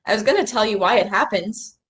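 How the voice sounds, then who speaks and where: A woman's voice: mid-range voice, expressive, fairly quick, a bit bright, lightly acted. A young woman acting an earnest, bookish stargazer in a stage play reading, a little apologetic as she explains things. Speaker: actor in a rehearsed play reading.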